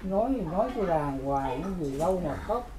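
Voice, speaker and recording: A woman breaks in impatiently and scolds, speaking in a low voice. She sounds off-mic in a roomy space. Clear noise is heard under her voice. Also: lively intonation, brisk. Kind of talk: casual chat.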